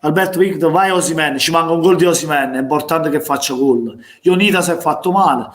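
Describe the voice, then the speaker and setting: Hoarse Neapolitan fan calling a match. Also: male voice, on the high side, fairly quick, echoey room. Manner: passionate, chanting and singing fan chants, shouting encouragement. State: losing his voice. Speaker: fan streamer doing live match commentary. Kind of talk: excited live football watch-along commentary.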